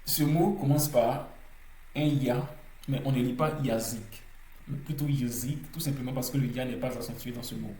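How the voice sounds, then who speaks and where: A man's voice: medium pitch, steady tone, normal speed, darkish tone, roomy sound, low-quality recording. A man teaching a language lesson in French, explaining pronunciation rules step by step with frequent hesitations, repeating words to drill them.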